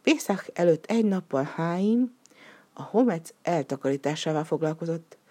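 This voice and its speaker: Low-voiced woman reading a story. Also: lively intonation, mellow. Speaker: narrator.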